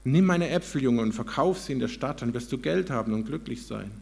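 A man gives voice to a gentle old apple tree from a storybook, tender and pleading. The voice sits above his usual pitch and keeps a faint gravelly edge. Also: expressive, fairly quick, long reverb tail. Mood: coaxing. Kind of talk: storybook reading.

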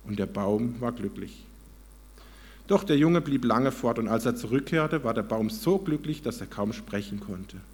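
Gravelly man reading a story aloud. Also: medium pitch, animated, moderate pace, a little mellow. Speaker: speaker reading a story to an audience. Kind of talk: storybook reading within a talk.

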